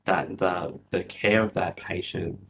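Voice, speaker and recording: A man in his thirties, speaking by video call, gives hearing testimony in a very low, flat, gravelly voice, measured and heavy with fillers. The recording is muffled, and faint noise lingers in the background.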